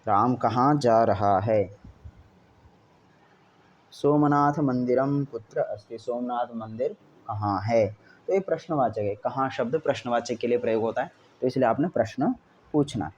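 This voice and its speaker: A man teaching Sanskrit grammar to schoolchildren, reading each example sentence slowly and then giving its meaning. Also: medium pitch, a little mellow. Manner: repeats each example with a Hindi gloss. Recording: dull lo-fi recording with faint hiss.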